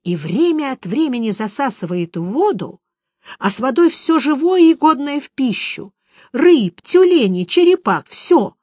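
A woman reading aloud voices a chatty, excitable male bard who talks on and on. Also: high-pitched, unhurried, no echo, clean studio sound, voice pushed up, full character voice. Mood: spooky.

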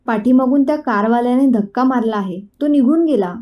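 A woman's voice: on the high side, fairly quick, highs cut off, natural voice. A woman voicing a well-meaning male bystander who speaks earnestly in a storybook reading. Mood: pleading.

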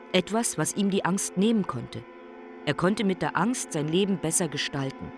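In a radio play monologue, an actor portrays a brooding, philosophical man who is ailing. He speaks at medium pitch in deliberate, emphatic short phrases.

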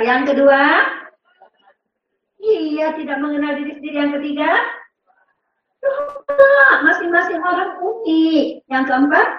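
A woman giving an interactive parenting seminar, quizzing the audience and acting out parent and child voices. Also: high-pitched. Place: large seminar hall with audience. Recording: very echoey, distant, dull hall recording.

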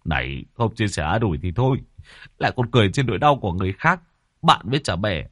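A skittish, quick-tempered old man rattles on in a hurried, agitated voice, as a male storyteller acts him out. His pitch jumps around in lively swoops. The sound is dry and close. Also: no echo. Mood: blustering. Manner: rushed, agitated. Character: older man, jumpy, quick-tempered, easily scared.

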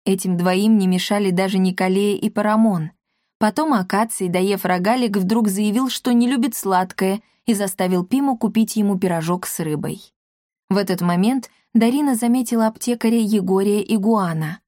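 A woman narrating a children's story aloud in even storytelling. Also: mid-range voice, moderate pace, dry recording, studio quality. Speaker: audiobook narrator. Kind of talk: scripted narration.

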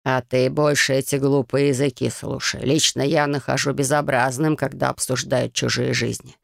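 A reader voicing a grumbling, portly older man in a lowered voice in a storybook reading. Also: little pitch movement, moderate pace, gravelly, dry recording, studio quality.

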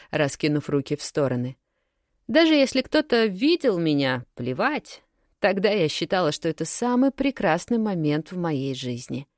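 A woman narrating a first-person story for an audiobook, telling it in a lively, expressive way. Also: deep voice, dry recording, studio quality.

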